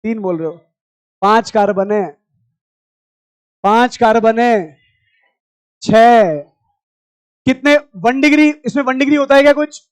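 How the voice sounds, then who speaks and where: High-voiced male teacher shouting in class. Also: measured pace, long pauses, smooth, no echo. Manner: loud, scolding and coaxing students. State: strained throat. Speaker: chemistry teacher. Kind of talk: classroom lecture.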